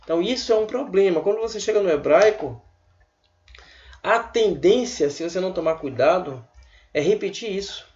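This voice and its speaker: A man giving a casual online language lesson, chatty and repeating words slowly for his students. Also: high-pitched, expressive, a little mellow, lo-fi sound. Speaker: language teacher.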